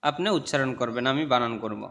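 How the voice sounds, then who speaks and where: A man's voice: mid-range voice, fast, fairly bright tone. A man teaching Quran reading, patiently drilling syllables one at a time and correcting pronunciation as he goes. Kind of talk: recorded spelling-drill lesson. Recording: long reverb.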